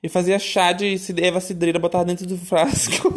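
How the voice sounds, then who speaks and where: A woman telling a childhood story in a casual, animated, exclamatory way. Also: on the low side. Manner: animated, exclamatory, addresses listeners as "minha filha".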